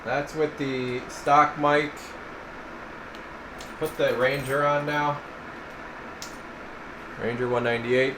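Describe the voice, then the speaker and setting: With a medium-pitched voice, a man demonstrates a CB radio, taking it slowly and leaving long pauses. He's a radio technician narrating casually and off the cuff, muttering and thinking aloud, in a noisy room with a constant hum of gear.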